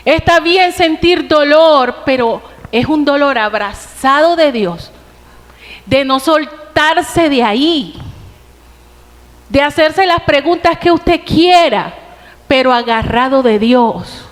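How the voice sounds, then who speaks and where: High-voiced Colombian woman preaching, echoing hall. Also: lively intonation. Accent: Colombian Spanish. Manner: earnest, rhetorical questions, slows for emphasis. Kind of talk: sermon. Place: church hall. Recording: long reverb of a church hall.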